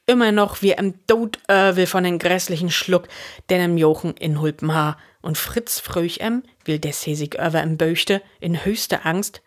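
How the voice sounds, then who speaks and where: A woman reading a story aloud, switching to high, excited voices for the boys' dialogue. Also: normal speed. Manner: lively, shifts into high excited voices for the boys.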